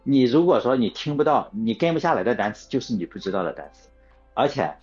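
A man's voice: medium pitch, expressive, fast talker, darkish tone, husky. A man hosting a casual chat show, rambling through anecdotes and correcting himself as he goes. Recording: dull lo-fi sound with faint music.

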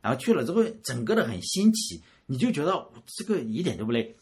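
Guy from rural shandong telling a story, bouncy pitch, kinda husky, repeats himself a lot. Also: fast. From Shandong, rural China. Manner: animated, repeats words, chuckles at himself. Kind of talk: casual personal storytelling.

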